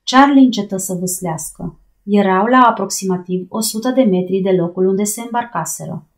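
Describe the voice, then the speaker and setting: A woman reading a novel aloud as an audiobook narrator, raising her voice for the sailors' shouts. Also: mid-range voice.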